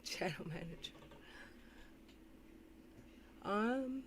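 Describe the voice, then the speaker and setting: A woman giving casual reaction commentary on a livestream, often clearing her throat and pausing to read comments. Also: mid-range voice, animated. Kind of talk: casual reaction commentary, reading live chat. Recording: faintly noisy livestream audio.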